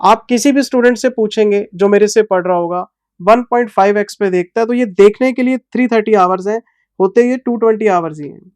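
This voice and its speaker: A man teaching accounting who explains his course to students. He speaks slowly and patiently, and addresses them in a fatherly way. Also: sits high, clean tone, dry recording, studio quality. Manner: deliberately slow, patient delivery; fatherly, calls students "son".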